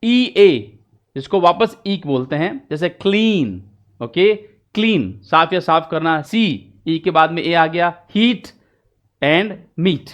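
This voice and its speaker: A male English teacher with an Indian accent leads a pronunciation lesson, switching between Hindi and English. His voice sits high, and he speaks very slowly. He draws out each example word. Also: lively intonation. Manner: mixes Hindi and English, slow drawn-out example words.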